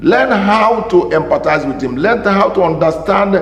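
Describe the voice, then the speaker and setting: A man's voice: high-pitched, expressive, normal speed. A man, a pastor and marriage counselor, giving an emphatic teaching talk to camera, repeating key phrases and asking rhetorical questions. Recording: roomy with long reverb.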